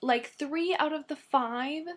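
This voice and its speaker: A woman's voice: high voice, slow. A young Canadian woman in casual vlog chat, rambling and giggling as she pokes fun at herself. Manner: rambling, giggly, self-deprecating. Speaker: vlogger.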